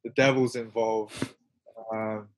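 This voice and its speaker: A man's voice: on the low side, little pitch movement, slow. A young man chatting as an interview guest, rambling and self-mocking, laughing often as he talks. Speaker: interview guest, musician and filmmaker. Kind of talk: casual interview chat.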